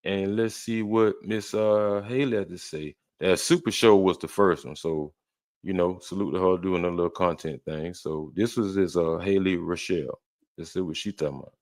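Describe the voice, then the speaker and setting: A man with a low, deep voice runs a reaction show. He argues back at each clip in a blunt, heated tone. The sound is dry and close. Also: normal speed, a little mellow, no room sound. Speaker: reaction host. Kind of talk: reaction commentary.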